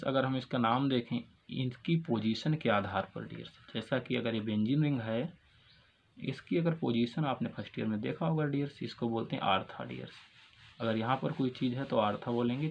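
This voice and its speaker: A man's voice: mid-range voice, vocal fry, slight background noise. A male chemistry teacher gives a lecture. He repeats each question, answers it himself, and keeps calling his students "dears.". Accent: Hindi-speaking North Indian. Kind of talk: classroom lecture. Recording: dull lo-fi sound with faint ambience.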